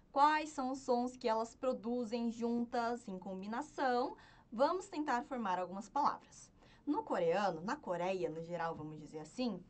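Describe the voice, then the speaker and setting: Female language teacher, animated and high-pitched, chants syllable drills patiently. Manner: patient, repeats and checks with "certo?". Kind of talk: spoken lesson, chanting syllables.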